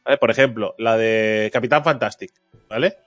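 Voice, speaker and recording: A man co-hosting a podcast in casual chat, telling animated stories and acting out quotes with frequent laughter. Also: on the low side, normal speed, no room sound, soft background music. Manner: animated storytelling, acts out quotes, laughs often. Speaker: podcast co-host.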